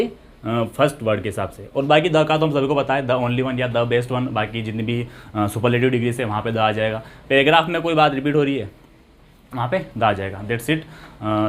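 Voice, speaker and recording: A man's voice: mid-range voice, slight background noise. A man teaching English grammar, patiently explaining and asking and answering his own questions. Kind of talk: explanatory lesson.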